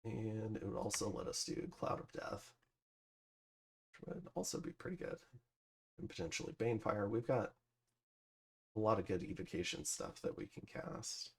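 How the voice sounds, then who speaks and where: Gravelly man casually commentating a strategy game. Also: on the low side, moderate pace, long pauses. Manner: relaxed, thinking aloud, frequent fillers. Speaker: gameplay commentator. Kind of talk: casual let's-play commentary.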